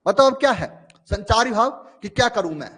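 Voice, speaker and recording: High-voiced man teaching a lively class. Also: fairly quick, breathy edge. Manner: explains with everyday examples, keeps asking "ठीक है?"; acts out little inner dialogues in a lowered voice. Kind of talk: online exam-prep lecture.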